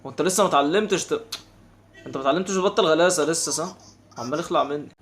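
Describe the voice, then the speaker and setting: A young man with an Egyptian Arabic accent giving casual, exasperated commentary while playing a game. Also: a little high. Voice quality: quick, animated, exasperated banter. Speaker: gaming channel host.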